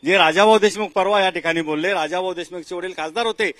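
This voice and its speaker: A man's voice: sits high, quick pace, dry recording. A man with a Marathi accent giving a combative political rebuttal at a public debate. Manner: combative, rising into shouts. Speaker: ruling party supporter in a debate.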